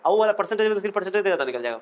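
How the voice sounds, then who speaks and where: High-voiced, joking physics teacher. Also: male voice, expressive, racing, slight background noise. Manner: teasing, jokey, quizzes the students. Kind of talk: playful classroom lecture.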